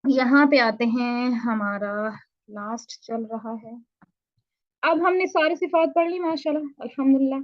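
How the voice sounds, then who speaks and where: A woman's voice: high voice, moderate pace, dry recording, lo-fi sound. A woman teaching Tajweed in an online lesson, patiently repeating points and asking checking questions.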